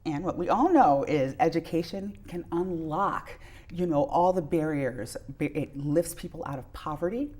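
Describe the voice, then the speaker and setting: A woman's voice: sits low, normal speed, darkish tone. A middle-aged woman, a pediatrician giving earnest explanations with examples as an interview guest. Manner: earnest, illustrates points with examples.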